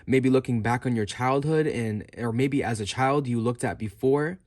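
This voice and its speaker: A man's voice: medium pitch, normal speed, darkish tone. A man giving a fortune teller's improvised tarot reading straight to the listener, musing and circling back to repeat and rephrase his phrases. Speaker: tarot card reader.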